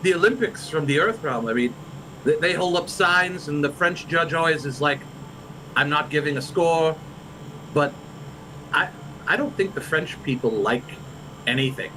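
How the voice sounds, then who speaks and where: A man's voice: on the high side, lively intonation, moderate pace, background noise. A man hosting a livestream, chatting in character in fantasy improv, stammering and rambling with many restarts. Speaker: livestream role-play host.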